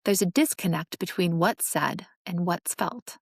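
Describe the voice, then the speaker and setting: Female host, instructive and earnest, gravelly edge, dry studio read. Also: on the low side, a little slow, dry recording. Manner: earnest, instructive, acts out sarcastic examples. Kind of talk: teaching monologue on relationships.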